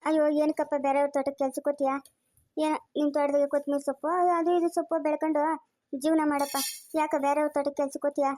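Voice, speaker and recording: A woman voicing an older village aunt who gently consoles and chides in a cartoon story. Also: high voice, level tone, very fast, lightly acted. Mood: coaxing. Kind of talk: cartoon voice acting.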